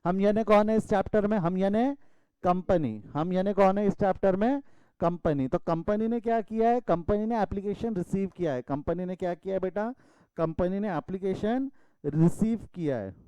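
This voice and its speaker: Bright-voiced man teaching online. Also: high voice, moderate pace, clean tone, no room sound, dull audio. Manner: addresses students as beta, scolds playfully. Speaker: commerce teacher. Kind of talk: online class lecture. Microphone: video call.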